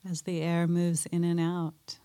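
A woman guiding a mindfulness meditation in a soft, gentle way, pausing often between phrases. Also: lowish voice, completely flat delivery, smooth. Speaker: meditation teacher.

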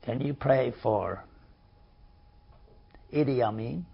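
A man's voice: mid-range voice, slow pace, gravelly, husky. A man preaching a sermon, reading scripture aloud and explaining it with emphasis. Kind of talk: sermon, Bible teaching. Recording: dull lo-fi recording.

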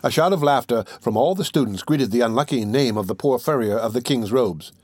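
Brief: male audiobook narrator, even mid pitch, dead-dry sound. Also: brisk, no echo. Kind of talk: scripted narration.

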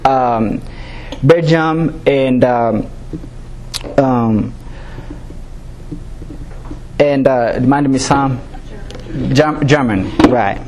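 Man, slow unhurried delivery, halting with fillers and restarts, nervous student speech, faint ambience behind. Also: mid-range voice, a little mellow, a little hiss or hum. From Rwanda. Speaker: student speaker. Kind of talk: personal testimony speech.

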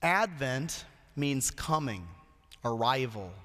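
A man preaching a solemn sermon with a hoarse, strained voice and deliberate, emphatic pauses. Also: medium pitch, expressive, fairly bright tone. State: hoarse, voice nearly lost. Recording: long echoing hall reverb.

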